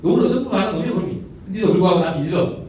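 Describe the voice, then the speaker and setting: Animated middle-aged principal in echoey hall. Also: male voice, high-pitched, very fast. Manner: animated, repeats words for emphasis. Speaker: elementary school principal giving a talk. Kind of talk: storytelling lecture. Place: large lecture hall. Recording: echoey hall, distant mic, faint noise.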